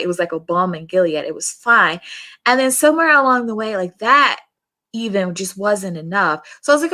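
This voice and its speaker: A woman's voice: medium pitch, fairly bright tone. Earnest woman from Virginia, reflective talk. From Virginia, US South. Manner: earnest, reflective, many fillers. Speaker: podcast co-host. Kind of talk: casual conversational podcast.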